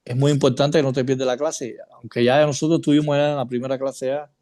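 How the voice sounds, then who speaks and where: A man's voice: medium pitch, level tone, fast, mellow. A man teaching an informal Bible study class, chatty, asking his students questions and repeating points as he goes. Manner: chatty, checks in with students by name, repeats himself.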